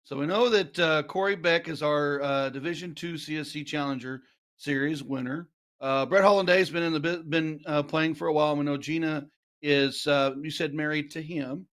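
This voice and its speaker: High-pitched man with an Ozark accent, commentating. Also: fairly even intonation, normal speed, a bit bright. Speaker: play-by-play commentator and host. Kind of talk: live darts match commentary with casual banter.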